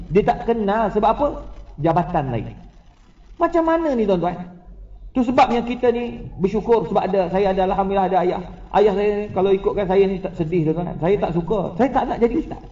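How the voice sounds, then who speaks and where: A middle-aged man with a Malaysian Malay accent, a religious teacher on a forum panel, tells personal stories with humor in a fairly high voice. He is a lively storyteller who keeps addressing the audience directly as "tuan-tuan," laughing between points. The recording, made in a prayer hall, sounds echoey and dull.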